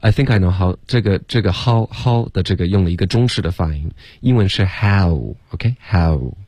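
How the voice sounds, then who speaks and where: A man teaching English pronunciation, correcting students and slowly modeling the sounds. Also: low-pitched, mellow, no room sound. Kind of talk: pronunciation feedback on a radio lesson.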